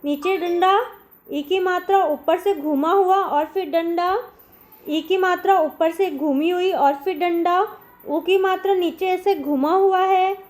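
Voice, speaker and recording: A woman's voice: very high-pitched, slow pace, darkish tone. A woman teacher giving a primary school lesson to children, speaking patiently and spelling out sounds one by one. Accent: Indian Hindi. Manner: often says "dekho", addressing children.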